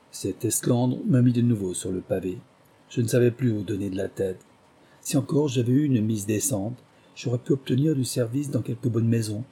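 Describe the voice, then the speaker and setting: A man reading a memoir aloud in measured, scripted storytelling narration. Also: mid-range voice, dark tone, slightly rough. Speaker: audiobook narrator.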